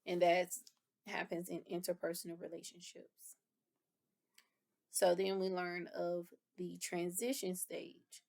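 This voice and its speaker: A woman's voice: on the low side, little pitch movement, takes it slowly, vocal fry, a little mellow. A woman reviewing course material in a lecture, explaining terms and rephrasing them with casual fillers. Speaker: instructor.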